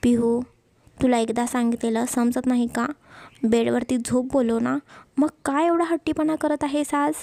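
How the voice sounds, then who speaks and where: A woman's voice: a little high, steady tone, moderate pace, vocal fry, mellow, no room sound. A woman voicing a strict young husband who speaks in a firm, commanding way. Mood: stern.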